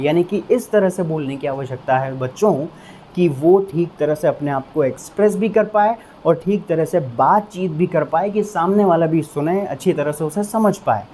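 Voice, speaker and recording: A man gives an English vocabulary lesson in Hindi. His voice is soft and mellow. He explains things patiently and says key words again and again, slowly and clearly. A faint hiss sits under the recording. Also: fairly high pitch. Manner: explains patiently, drills words with slow repetitions. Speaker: English teacher.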